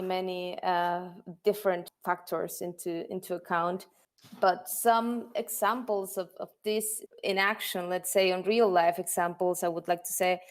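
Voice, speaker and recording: A woman with a medium-pitched, darkish voice speaks Spanish as her first language and lives in Germany. She's a UX designer guest answering interview questions, and she often repeats words while searching for the right phrasing.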